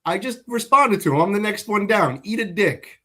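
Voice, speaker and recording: A male co-host trades casual political banter in a blunt, sarcastic manner. His voice is a bit high for a man and very animated in pitch. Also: moderate pace. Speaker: talk show co-host.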